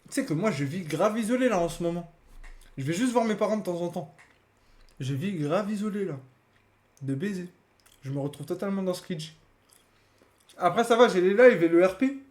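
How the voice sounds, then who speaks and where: A man's voice: sits high, expressive, brisk, long pauses, darkish tone. A young man, chatting casually in slang and laughing while he reacts to a video on a live stream. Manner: slangy, laughing, repeats himself.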